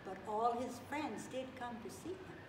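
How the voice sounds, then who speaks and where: Distant roomy recording, older woman, highish voice, reading to a toddler, expressive, deliberate emphasis. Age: older, about 70s. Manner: animated, deliberate, with drawn-out emphasis for small children. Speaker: children's story reader. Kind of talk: expressive picture-book read-aloud, as if reading to a toddler. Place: bright indoor room with high ceiling. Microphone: camera several feet away. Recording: echoey, noisy room, distant microphone.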